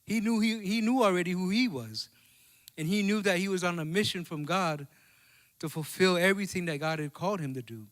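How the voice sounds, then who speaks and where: In a high, slightly bright voice that moves a little fast, a pastor with a Samoan accent preaches a bilingual church sermon. His delivery stays conversational, with tag questions aimed at the congregation.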